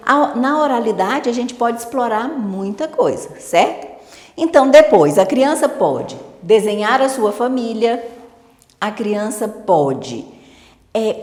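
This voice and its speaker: A woman's voice: on the high side, big pitch swings, unhurried, a little mellow. A woman teacher explaining a literacy lesson patiently, step by step, checking in with her listeners. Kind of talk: online teacher-training lesson. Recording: echoey room with long reverb.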